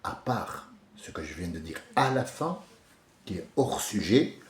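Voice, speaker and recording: A man's voice: sits low, sing-song, unhurried. Fiery, digressive man in a roomy space. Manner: passionate, digressive, swings from soft musing to loud ranting. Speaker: religious speaker. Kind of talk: informal religious commentary.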